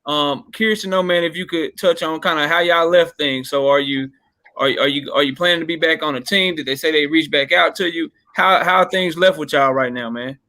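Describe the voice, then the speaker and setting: A man's voice: on the high side, fairly quick, pushed and bright, no echo. A man co-hosting a live stream, asking questions hesitantly with many fillers. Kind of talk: casual chat.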